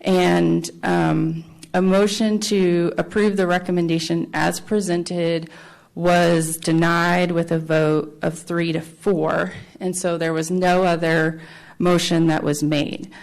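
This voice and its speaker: A woman giving a formal, explanatory staff presentation at a public meeting, speaking haltingly with a creaky voice. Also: fairly low pitch, level tone, darkish tone. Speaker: city planning staff presenter.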